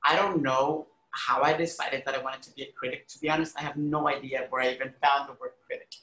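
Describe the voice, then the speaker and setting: Speaking fast in a mid-range, steady voice with a sharp tone, this Honduran arts critic and educator is a guest on a podcast. In a conversational interview he tells personal stories earnestly and emphatically, leaning on "like" and "you know." The audio is low quality and echoey.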